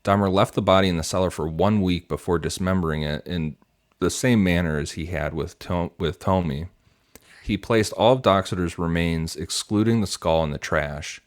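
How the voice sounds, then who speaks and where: A man's voice: low voice, normal speed, no echo. A man co-hosting a podcast, reading prepared notes aloud steadily and matter-of-factly into a close microphone. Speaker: podcast co-host and researcher.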